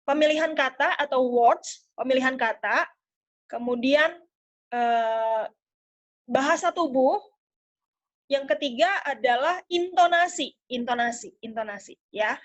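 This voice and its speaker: A woman with a high voice gives a coaching talk over a video call, lively and demonstrative, often calling out to her audience. The sound is dull and lo-fi. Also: unhurried. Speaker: sales trainer.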